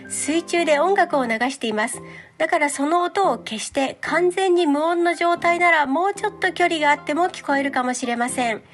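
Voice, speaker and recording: High voiced lady doing polite explainer narration for a video, music playing under it. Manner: polite, explanatory presenter delivery. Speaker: host of a free-diving and mermaid swimming channel. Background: background music.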